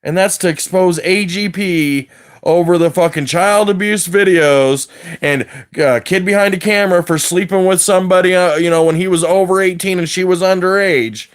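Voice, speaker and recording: A man's voice: sits high, normal speed. A man on a livestream rant, agitated and wired, rambling from thought to thought and swearing a lot. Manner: swears heavily.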